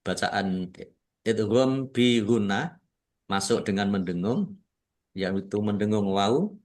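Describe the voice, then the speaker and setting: Slow, deliberate male Quran teacher. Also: on the low side, a little mellow. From Indonesia. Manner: patient, deliberate, repeats rules and stretches out recited words. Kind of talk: tajwid lesson with slow recitation.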